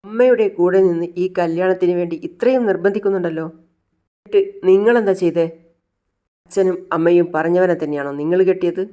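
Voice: mid-range voice, a little fast, dark tone, close to an everyday voice. A storyteller voicing a defiant young Malayali woman who answers back sharply and sarcastically. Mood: sarcastic. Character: defiant young woman refusing an arranged marriage.

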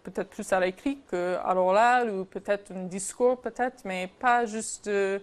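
A woman's voice: mid-range voice, a little slow. Hesitant American woman speaking carefully. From United States. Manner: hesitant, searching for words. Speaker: English teacher. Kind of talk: panel commentary.

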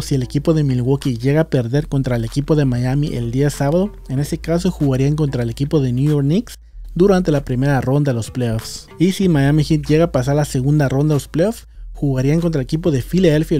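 A man in his thirties hosting a basketball vlog, calmly running through results and standings in a steady, methodical way, close to a studio mic in a small room. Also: fairly high pitch. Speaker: basketball channel host. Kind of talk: sports news vlog. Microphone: studio mic on boom in front of face.

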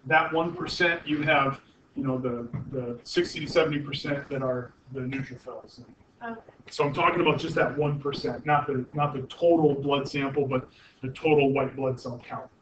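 A man's voice: medium pitch, steady tone, normal speed. Man lecturing, muffled lo-fi recording. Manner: explanatory, frequent fillers and self-corrections; asks the class questions. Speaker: university anatomy lecturer. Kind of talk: classroom lecture. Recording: muffled lo-fi classroom recording with faint noise.

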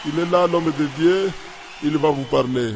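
A man playing an effusive local pastor, who keeps shouting alleluia as he introduces a guest preacher. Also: on the high side, normal speed, slight background noise, close to an everyday voice. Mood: exalted. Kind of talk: parody of a church introduction.

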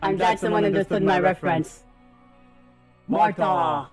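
A high-pitched streamer in his thirties calls out a game live over a headset mic at a measured pace, with faint music underneath. He's excitable and swears, chattering to himself and to his chat.

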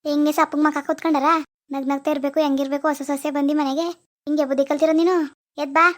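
Brief: a woman playing a nagging village mother-in-law, high voice, clipped and quick. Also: level tone, natural voice. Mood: scolding. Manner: loud, nagging, commanding. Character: scolding middle-aged mother-in-law, strict and bossy.

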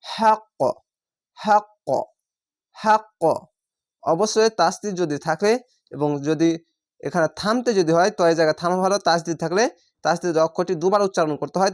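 Smooth-voiced Quran reading teacher. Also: mid-range voice. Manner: patient, repeats each word slowly then explains rules; chants Arabic words in drawn-out recitation tone. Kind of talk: word-by-word recitation lesson.

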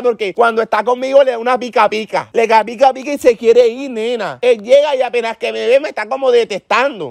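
A man putting on a high, gravelly voice as a superstitious woman, chatty and easily spooked. She rattles along on the phone to her friend, getting more flustered. The sound is dry and close. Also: no room sound. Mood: anxious. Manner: chatty, says "nena" every line, gets flustered. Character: nervous superstitious Caribbean woman doing a love spell. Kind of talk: comedy sketch, one side of a phone call.

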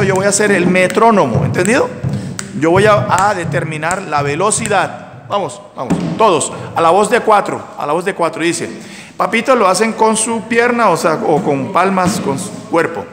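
A man's voice: sits high, fairly bright tone, slight background noise. A male music instructor leading a percussion class, counting out rhythms and chanting syllables for his students to follow. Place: community hall. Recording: echoey hall with drums. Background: drums and percussion playing.

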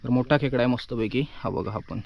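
A young man, vlogging in casual chat outdoors on a rural plateau, addressing viewers directly and often dropping to a soft murmur. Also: medium pitch, fast, creaky. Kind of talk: casual outdoor vlog narration. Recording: dull, muffled outdoor audio with faint nature noise.

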